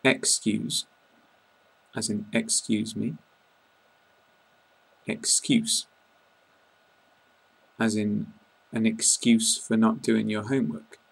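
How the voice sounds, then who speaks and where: In this pronunciation lesson, a British man with a husky, gravelly voice works through English words one at a time, repeating them carefully. He keeps an even, flat pitch and a slow, patient, deliberate pace, and the recording quality is rough.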